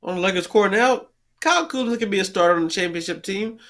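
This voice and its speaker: A man's voice: sits high, fast talker, a bit bright. A man co-hosting a sports talk show, lecturing and dismissive as he argues his point. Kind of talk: heated sports debate.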